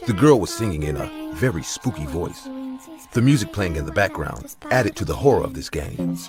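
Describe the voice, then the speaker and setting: A man reading a scripted horror story aloud in a dramatic storytelling manner. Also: low-pitched. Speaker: narrator.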